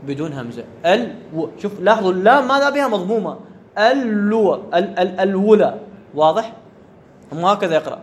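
A man's voice: high voice, lively intonation, fairly quick, a little hiss or hum. A man giving a classroom grammar lecture, often checking whether his students follow and repeating the key words. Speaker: teacher of Arabic grammar.

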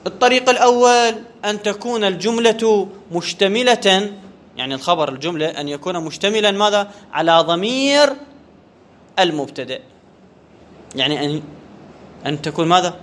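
A man gives a classroom lecture on Arabic grammar in a high, somewhat bright voice with lively intonation, talking a little fast and pausing often. He questions the class, answers himself and keeps repeating the key terms.

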